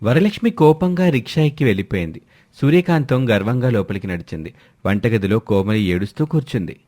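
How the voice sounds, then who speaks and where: A man's voice: mid-range voice, lively intonation, brisk, mellow. Male storybook narrator. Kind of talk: scripted narration.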